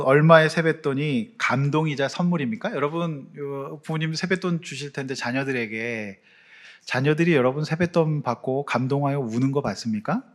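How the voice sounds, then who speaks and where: A man preaching a Sunday sermon as pastor, animated, with sudden loud swells. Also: on the high side.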